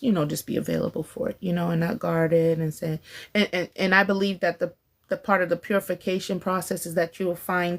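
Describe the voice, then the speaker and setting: A woman in her forties talking casually and warmly encouraging others on a faith-based podcast, often laughing between thoughts. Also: lowish voice, vocal fry. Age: 40s. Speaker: podcast speaker.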